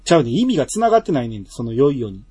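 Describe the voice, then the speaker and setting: Brief: Kansai man, casual co-host, husky mellow tone, lively pitch. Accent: Kansai Japanese. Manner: chatty, laughs often, drawn-out fillers. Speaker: podcast co-host. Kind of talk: casual chat.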